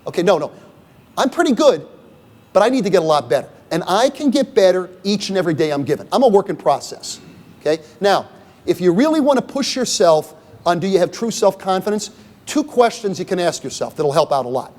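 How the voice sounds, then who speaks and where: A middle-aged guest speaker, voice sitting high and a little mellow, lectures very animatedly and fairly quickly on leadership in a large university hall. He checks in constantly with "okay?" and "right?", keeps it conversational, and poses rhetorical questions.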